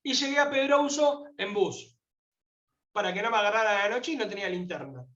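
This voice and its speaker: Speaking briskly in a high voice, this guest pilgrim from Argentina shares a moving story in an interview, with an Argentine Spanish accent. He's animated and performs the quoted voices himself, and the audio is lo-fi with an echoey room.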